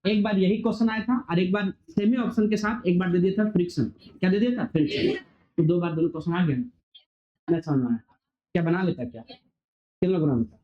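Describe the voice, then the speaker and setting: A male physics teacher lecturing a classroom, firing quick questions and waiting for students to answer. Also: sits high, dark tone. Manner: quizzing students, call-and-response. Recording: dull lo-fi recording.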